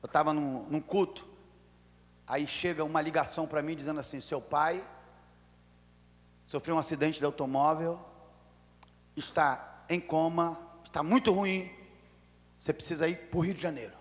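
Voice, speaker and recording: Impassioned Brazilian pastor in an echoing hall. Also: male voice, on the high side, steady tone, normal speed, pauses often. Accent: Brazilian Portuguese. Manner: dramatic storytelling, swings from hushed to shouting. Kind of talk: sermon.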